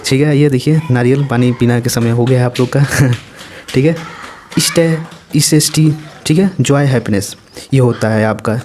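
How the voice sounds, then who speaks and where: A man giving a casual exam-prep vocabulary lesson, talking in a lively, playful way with chatty asides. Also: mid-range voice, a little fast, a little hiss or hum. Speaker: vocabulary teacher.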